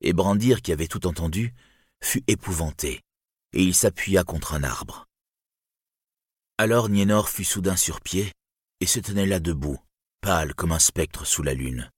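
Casting: solemn male narrator, very low husky voice, dry sound. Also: lively intonation, no echo. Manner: solemn, measured storytelling. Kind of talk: audiobook reading.

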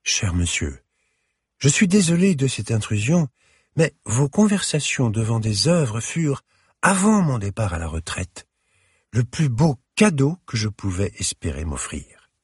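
A man reading aloud, voicing a refined sixty-five-year-old woman curator with a clear, slightly hissing voice and polite, formal manner. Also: medium pitch, big pitch swings, unhurried, no echo, clean studio sound, voice pushed up, exaggerated voice. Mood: courteous.

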